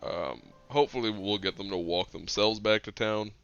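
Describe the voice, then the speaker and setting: A laid-back adventurer who wants people out of his head, played by a man at a game table. His voice is low and smooth, and matter-of-fact. The mic is dull and lo-fi. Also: normal speed, soft background music. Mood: practical. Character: gruff, laid-back male adventurer, guarded.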